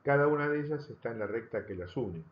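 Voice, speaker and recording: A man's voice: medium pitch, lively intonation, fast, lo-fi sound, a little hiss or hum. A man teaching a physics class in a recorded lecture. He explains patiently, rephrases his points and checks in with his students. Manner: explanatory, rephrasing often, checking understanding with tag questions. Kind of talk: recorded lecture over slides.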